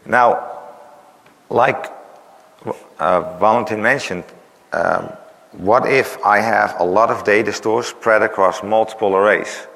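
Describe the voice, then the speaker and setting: In a large, echoing conference hall, a presenter gives a technical talk as his voice gives out. His voice is fairly low-pitched, gravelly and a bit bright, and he speaks slowly with long pauses, filling his explanation with "uh"s and "right?" tags.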